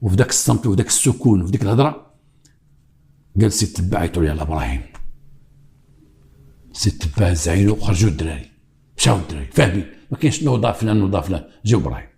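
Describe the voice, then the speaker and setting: An older man with a Moroccan accent, a retired police investigator telling a true crime story with dramatic pauses and imitated heartbeats. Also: on the low side, animated, vocal fry, a little mellow.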